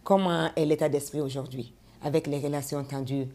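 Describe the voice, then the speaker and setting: A woman with a very low, mellow voice, hosting an interview. She asks her guests questions and keeps them going with short murmurs of assent. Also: steady tone, fairly quick. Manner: brief prompting backchannels.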